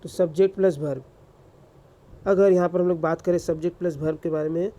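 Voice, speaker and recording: A man's voice: a little high, fairly even intonation, fairly quick, warm tone. A man teaching English grammar in a classroom-style lecture, asking rhetorical questions and answering them himself.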